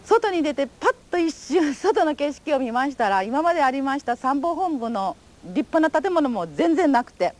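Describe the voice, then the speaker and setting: A woman's voice: high voice, animated, moderate pace, few pauses. An older woman giving a recorded testimony interview, telling her memories in polite, formal, vivid storytelling. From Japan. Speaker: atomic bomb survivor giving testimony.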